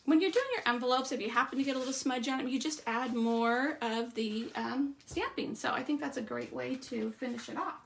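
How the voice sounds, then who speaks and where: High-voiced woman with a gravelly edge. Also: a little fast, hardly any pauses, slight background noise. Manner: chatty step-by-step explaining, trailing into quiet asides. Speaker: stamping demonstrator. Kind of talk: live crafting demonstration. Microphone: streaming setup at a craft table.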